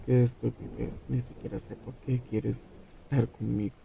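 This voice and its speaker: A man playing a menacing, possessive serial killer lover in an ASMR roleplay, taunting and condescending in a drawn-out way. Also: mid-range voice, level tone, gravelly, dark tone, a little hiss or hum. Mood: scornful.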